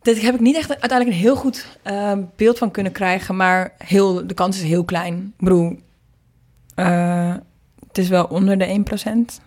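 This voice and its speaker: Speaking at a moderate pace in a medium-pitched, slightly mellow voice with fairly even intonation, this singer-producer from the Netherlands thinks out loud. She explains things loosely during a relaxed interview.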